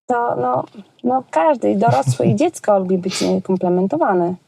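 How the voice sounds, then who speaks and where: Chatty warm-voiced Polish woman. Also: mid-range voice, moderate pace, gravelly, husky, no echo. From Poland. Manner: chatty and colloquial, frequent hesitations. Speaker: children's entertainer, guest. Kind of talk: casual interview chat.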